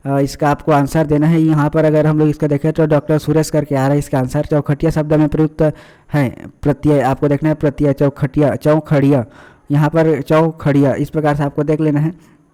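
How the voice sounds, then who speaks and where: A man works through an exam answer key as a tutor. His voice sits a little high for a man, with a mellow, relaxed tone. He keeps calling his viewers friends and often repeats himself and uses fillers as he goes. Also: fairly quick. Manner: addresses viewers as friends, many fillers and repetitions.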